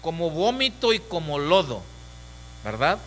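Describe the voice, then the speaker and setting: A man's voice: on the high side, big pitch swings, a little slow, a bit bright, a little hiss or hum, rough recording. A middle-aged pastor with a Mexican accent preaching a sermon emphatically, asking his congregation questions and acting out voices. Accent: Mexican Spanish.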